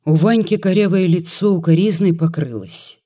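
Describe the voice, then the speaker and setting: A narrator reading classic prose in a measured storytelling manner for an audiobook. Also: medium pitch, warm tone.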